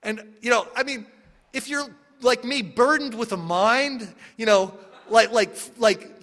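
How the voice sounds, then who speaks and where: Animated high-voiced man sharing his story. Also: measured pace. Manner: animated, self-mocking storyteller who acts out rants. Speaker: recovery meeting speaker. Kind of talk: personal recovery story told to a meeting. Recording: echoey hall with long reverb.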